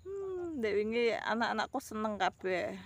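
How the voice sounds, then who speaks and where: Very animated at a moderate pace, a woman with a slightly high voice rambles to her viewers, whom she calls guys. She's in her thirties, speaks with a Javanese ngapak accent, and records a casual vlog outdoors near rice fields on an arm's-length phone.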